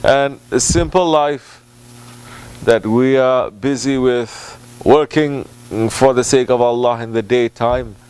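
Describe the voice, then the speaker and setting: Answering a question in a loose, informal sermon, this man speaks as a Sufi teacher, working Arabic and Turkish devotional expressions into English and pausing deliberately, with repetition to drive points home. His mid-range voice is clear, resonant and slightly mellow, though the recording quality is low.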